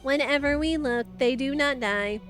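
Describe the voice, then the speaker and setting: A woman's voice: high voice, normal speed, fairly bright tone, faint music behind. A woman voicing a clipped, emotionless female robot computer in a robot voice, reading game dialogue. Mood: flat. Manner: robot voice, terse machine-like statements.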